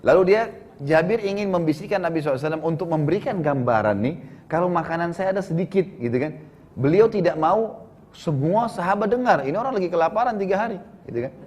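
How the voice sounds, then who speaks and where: A man preaching a sermon, telling a story with animated voice changes and a frequent conversational tag. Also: high-pitched, fast. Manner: animated, acts out the dialogue of the story; says "gitu kan" often.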